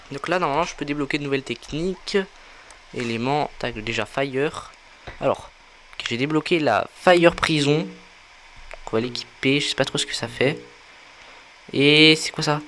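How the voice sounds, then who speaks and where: A man's voice: medium pitch, a bit bright, slight background noise. A young man giving a casual game walkthrough, thinking aloud with lots of fillers as he plays. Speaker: gaming tutorial creator.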